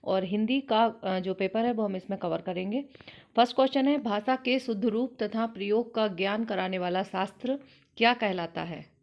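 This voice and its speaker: A woman's voice: medium pitch, normal speed. Woman, online exam-prep teacher, step-by-step explanations, frequent check-ins, lo-fi sound. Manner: explanatory, repeats "ठीक है" often. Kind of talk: exam question walkthrough lesson.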